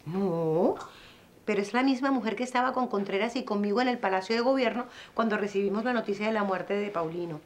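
A woman's voice: medium pitch, brisk, slight background noise, lightly acted. An actress with a Venezuelan accent playing a blunt, insistent godmother who spreads what she heard, in a telenovela. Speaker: godmother Celeste. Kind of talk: telenovela acting.

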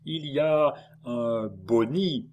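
A man voicing a boisterous, scheming middle-aged traveling salesman who talks loud, theatrical and jovial, in an audiobook reading. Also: medium pitch, slow, slight background noise, lightly acted. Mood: boisterous, wheedling.

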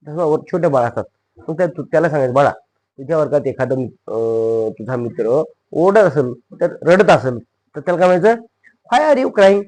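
A man teaching spoken English, who says each phrase slowly and repeats it. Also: fairly high pitch, darkish tone, poor audio.

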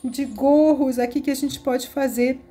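A woman's voice: sits high, steady tone, a little slow, dark tone. A woman with a Brazilian accent hosting a game walkthrough video, gushing and giggling as she coos over cute things. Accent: Brazilian Portuguese. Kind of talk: excited gameplay walkthrough.

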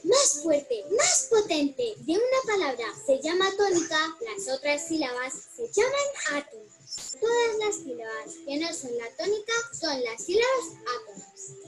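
A woman with a Spain accent narrating a children's video, slow and sing-song, drawing words out syllable by syllable. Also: sits high. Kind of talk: cheerful scripted narration for children. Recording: video played over a call with faint music.

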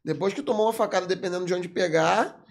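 A man, a military police corporal, telling a story as a podcast guest in an animated, emphatic way, full of slang fillers. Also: high voice, fast. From Brazil. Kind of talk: casual storytelling in an interview.

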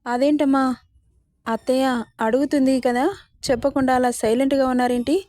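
A woman voicing a gentle, affectionate older father from a village who speaks tenderly to his daughter in a told story. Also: high-pitched, fairly even intonation, moderate pace, no echo, clean studio sound, close to an everyday voice. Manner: tender, reassuring. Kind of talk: storybook narration.

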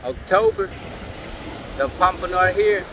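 Male fishing vlogger, 30s, excited and casual, slightly high voice, beach wind noise. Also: measured pace. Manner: excited, upbeat commentary. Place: outdoors on a windy beach, later in a car.

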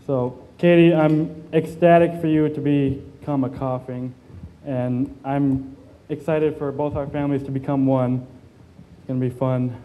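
Halting, slow-paced young man. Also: medium pitch, steady tone, narrow, tinny audio. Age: 20s. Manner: halting, nervous delivery with hesitations and broken-off phrases. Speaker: best man giving a wedding toast. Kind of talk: informal wedding speech read from notes. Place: indoor wedding reception with seated guests. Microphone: microphone on a stand, sometimes handheld. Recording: background noise in reception hall.

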